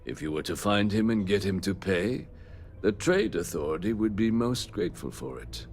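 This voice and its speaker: An actor playing a cold, smug trade company manager in a video game, delivering measured villain-like monologue in formal tones. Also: male voice, deep voice, animated, vocal fry, a little mellow. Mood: cold, dismissive.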